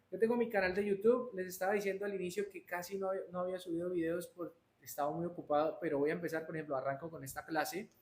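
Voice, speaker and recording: A man teaching an English class live online, answering students by name and switching between Spanish and English. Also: sits high. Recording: roomy echo, faint noise.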